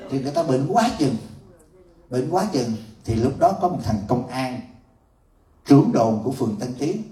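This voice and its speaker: A Buddhist monk tells a story during an evening sermon in a temple hall, laughing often as he goes. His voice is medium-pitched, expressive and dark in tone, at a moderate pace, captured from a distance in the roomy hall.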